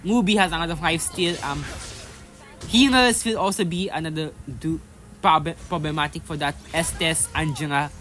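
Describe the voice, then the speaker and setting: A young woman voices a mobile game tutorial from home, rambling casually with many fillers and restarts before sliding into an exasperated rant. Her voice sits low and is fairly bright, at a normal pace. Faint music plays behind her.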